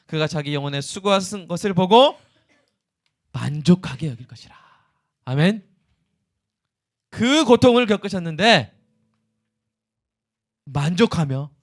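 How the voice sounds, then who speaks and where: A male pastor preaching a sermon in an animated way, often asking the congregation questions. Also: fairly high pitch.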